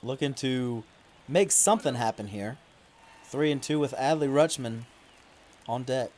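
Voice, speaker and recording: A man giving casual play-by-play commentary over his video game, mostly relaxed and now and then complaining loudly about calls. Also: mid-range voice, unhurried, slight background noise. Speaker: gaming YouTuber.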